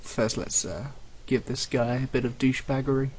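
A man's voice: mid-range voice, flat delivery, normal speed, a little mellow, slight background noise. A man giving casual, offhand let's play commentary with sarcastic jokes. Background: video game ambience and gunfire.

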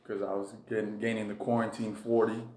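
A man's voice: fairly low pitch, little pitch movement, brisk, a little mellow, a little hiss or hum. A young man co-hosting a vlog, joking in a laid-back way while he eats. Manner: laid-back, joking, talks with mouth full. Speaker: vlog co-host. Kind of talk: casual chat while eating. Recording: echoey room.

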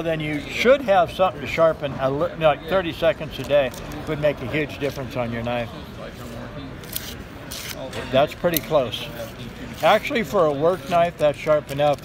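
A middle-aged man giving a knife-sharpening sales demo at a gun show, talking in steady instructive patter and repeating simple tips. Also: on the high side, moderate pace. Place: busy indoor gun show hall. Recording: noisy crowded show floor. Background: crowd chatter.

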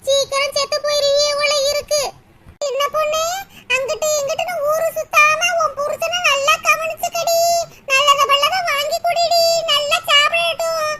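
A performer voicing nosy, tactless village women in a cartoon, talking in loud, bossy, teasing banter. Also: very high-pitched, level tone, moderate pace. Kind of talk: cartoon comedy voice acting. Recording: loud background noise.

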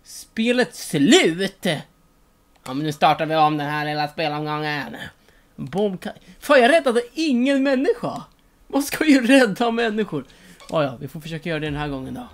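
Shouty boastful gamer on a headset. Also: medium pitch, sing-song. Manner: shouty, boastful, trash-talking. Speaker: let's play gamer. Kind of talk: excited gameplay commentary. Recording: loud game music behind voice.

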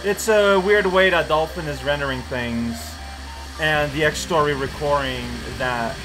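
A man's voice: a little high, measured pace, noisy background. A man giving casual let's play commentary, with wry, rambling asides. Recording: voice over game music. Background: video game music and sounds.

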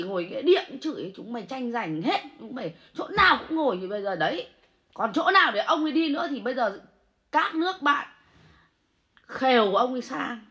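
A woman ranting angrily and scolding, swinging between low muttering and loud outbursts. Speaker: angry supporter ranting online. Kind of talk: angry livestream rant. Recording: muffled lo-fi audio.

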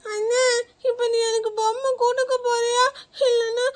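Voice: fairly even intonation, moderate pace, a bit bright. A performer voicing a little cartoon girl who whines and cries for a toy. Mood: crying. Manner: tearful pleading, high squeaky cartoon voice. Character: little girl, whiny and stubborn. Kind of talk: cartoon acting.

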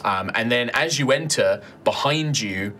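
A middle-aged man narrating a tabletop game as game master in a halting, conversational, descriptive way. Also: mid-range voice, expressive, bright, forceful tone.

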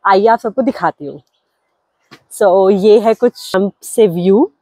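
A vlogger in her twenties chats upbeat in a travel vlog, filming herself outdoors at a hillside campsite with a phone held at arm's length and mixing English words into Hindi. Her medium-pitched voice is warm and slightly rough, slow-paced, with no room sound.

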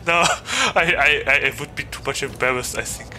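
A man's voice: fairly high pitch, bright, forceful tone. A man with a German accent streaming a game, chatting playfully and getting flustered easily. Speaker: VTuber streamer. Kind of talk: casual gaming stream chat.

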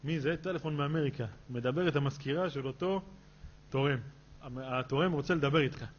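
A man, a rabbi, telling a story in a sermon and acting out his characters' dialogue in a lively way. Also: fairly high pitch. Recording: dull lo-fi recording with faint hum.

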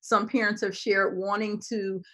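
A woman, a school district administrator answering questions in a virtual town hall over a video call, measured, with frequent ums. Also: mid-range voice, level tone, sharp tone. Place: home office with bookshelves.

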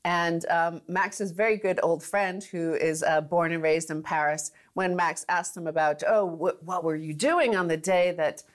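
A woman's voice: steady tone, measured pace, hardly any pauses. A woman co-hosting a finance talk show, chatting and laughing lightly as she talks in a studio. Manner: chatty, laughs through lines, rising pitch for emphasis. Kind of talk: conversational studio commentary.

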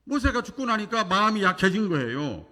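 A male pastor preaching a Sunday sermon with animated delivery, acting out quoted voices and swinging from quiet asides to loud declarations. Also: sits high, brisk. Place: church sanctuary. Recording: long church hall reverb.

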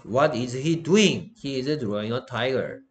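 Extremely slowly and with animation, a man in a mid-range voice teaches English grammar. He lays out each step and frequently asks his students questions to test their understanding.

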